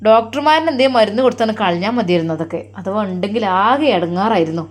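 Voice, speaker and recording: A woman's voice: medium pitch, animated, quick pace, close to an everyday voice. A woman voicing an anxious, complaining middle-aged mother, speaking with a Malappuram Malayalam accent. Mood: worried. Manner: complaining, fretful.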